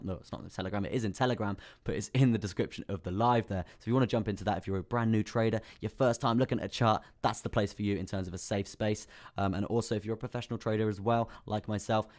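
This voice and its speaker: A young English man with a hoarse, partly lost voice, hosting a casual crypto live stream, chatting about charts and greeting viewers by name. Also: on the low side, darkish tone. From England. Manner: chatty, reads out viewer names and laughs often.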